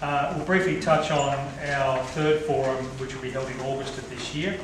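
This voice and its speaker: A man moderates a forum in a lecture hall, chatty and tossing light asides to the audience. His mid-range voice holds steady at a moderate pace, captured from far off in a noisy, echoey hall.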